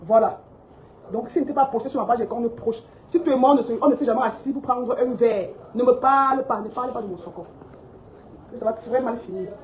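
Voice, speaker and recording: Fast, high-voiced woman scolding her followers. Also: rough recording. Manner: indignant, scolding, repetitive. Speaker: shop owner vlogging. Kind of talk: heated monologue to followers. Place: her cosmetics shop.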